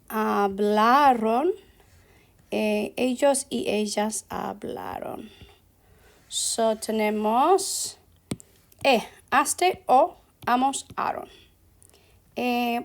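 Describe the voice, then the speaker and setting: A woman teacher talks through verb endings at a very slow, careful pace. Her voice sits a little high for a woman. She slips English fillers like "so" and "ok" into her explanations. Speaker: Spanish teacher.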